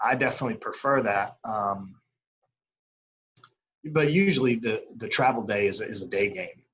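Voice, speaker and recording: Youngish dude, kinda low voice, casual interview answers, halting and rambly, lots of you knows. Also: male voice, a bit bright, rough recording. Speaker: baseball umpire as interview guest. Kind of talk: casual chat.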